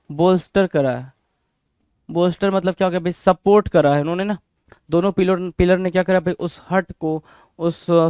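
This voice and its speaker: High-voiced man teaching vocabulary. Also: darkish tone, smooth, no room sound. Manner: rhetorical questions to students, repeating each word. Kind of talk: exam-prep vocabulary lesson.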